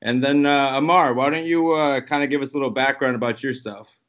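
A man's voice: mid-range voice, steady tone, a little fast, fairly bright tone. A man joining a podcast as a new co-host, speaking eagerly with many filler sounds. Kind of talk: casual interview talk. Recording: dull lo-fi audio.

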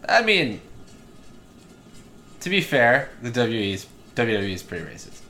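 A man's voice: medium pitch, big pitch swings, moderate pace, bright, forceful tone. A young man co-hosting a podcast, rambling with crude, self-deprecating jokes and lots of fillers. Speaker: podcast co-host. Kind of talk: casual podcast banter.

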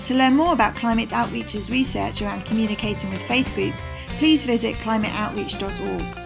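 A woman's voice: a little high, moderate pace, gravelly. A woman podcast host reading polished scripted narration. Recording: voice over background music.

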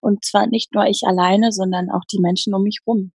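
A woman working as a happiness coach, talking earnestly in an interview with many pauses and restarts. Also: mid-range voice, fairly even intonation, creaky, darkish tone, slightly rough, no echo. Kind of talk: casual interview talk.

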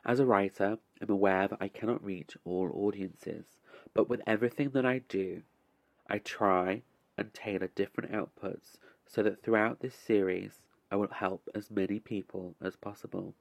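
Creaky, low-voiced man in measured monologue. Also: fairly even intonation, dry recording. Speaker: podcast host. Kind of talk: scripted relaxation podcast monologue.

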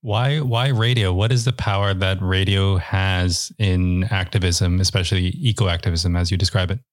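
Male podcast host, lowish voice, dry close sound, warm and encouraging, lots of restarts. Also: fairly even intonation, moderate pace, dry recording. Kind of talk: podcast interview.

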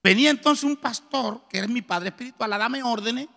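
A middle-aged man preaching a testimony sermon, telling his story in a lively way and acting out the dialogue. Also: very high-pitched, a little fast, creaky. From Colombia. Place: church. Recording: reverberant church hall.

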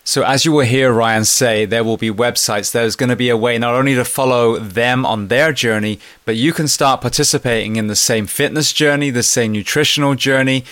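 A man's voice: medium pitch, moderate pace, few pauses, a bit bright, no echo. A man hosting a podcast interview, talking in an enthusiastic, conversational way. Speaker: podcast host.

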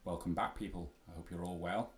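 Low-voiced Manx man hosting a podcast. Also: fairly even intonation, a little fast, echoey room. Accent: Manx (Isle of Man). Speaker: podcast host. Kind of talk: conversational sports podcast hosting. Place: podcast studio.

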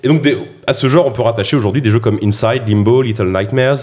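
A man hosting a podcast, reading a scripted introduction of his guests in a brisk manner, with self-mocking asides. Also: mid-range voice, darkish tone. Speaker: podcast host. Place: studio or room around a table.

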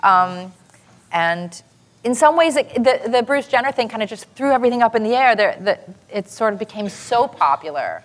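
A middle-aged woman talking on a panel in a chatty, animated way, with many fillers and restarts. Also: a little high, moderate pace. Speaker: show creator on a panel. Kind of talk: casual panel talk.

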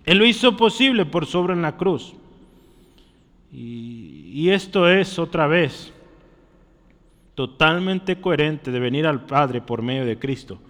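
A man's voice: a little high, animated, unhurried, pauses often, fairly bright tone. A man preaching a sermon, teaching and often asking his listeners short questions. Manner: teaching, asks the congregation questions. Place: church. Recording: long church reverb.

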